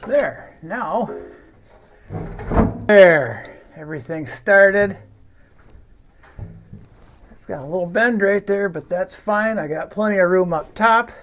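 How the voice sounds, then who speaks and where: A man with a notably high voice talks his viewers through a tractor repair as he works. His manner is folksy and easygoing, like chatting in his own barn. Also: animated, slow, long pauses, a bit bright. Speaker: DIY tractor mechanic. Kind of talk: casual narration while working.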